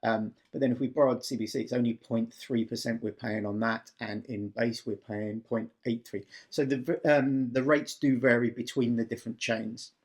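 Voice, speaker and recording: A man's voice: medium pitch, fairly even intonation, moderate pace, hardly any pauses, darkish tone, husky. A man giving a casual, step-by-step screen-recording walkthrough in an explanatory manner as a tutorial presenter.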